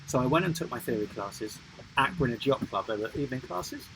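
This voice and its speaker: A man's voice: mid-range voice, animated, brisk, creaky, background noise. A man co-hosting a live stream Q&A about sailing, joking and rambling as he answers viewers' questions. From England. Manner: jokey, rambling, self-interrupting. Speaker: sailing vlog co-host.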